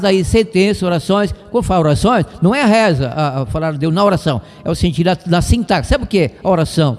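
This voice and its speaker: High-voiced Brazilian man teaching Scripture. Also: big-room sound. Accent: Brazilian Portuguese. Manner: rambling, digressive, jokey asides. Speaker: radio Bible teacher. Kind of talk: informal radio Bible lesson.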